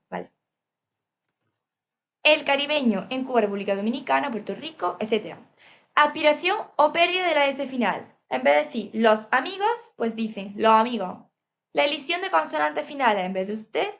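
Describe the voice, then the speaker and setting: A woman's voice: high-pitched, fairly bright tone. A woman with a Spain Spanish accent gives a lecture from slides, reading steadily and adding "eh" and "¿vale?" asides. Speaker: teacher presenting a topic.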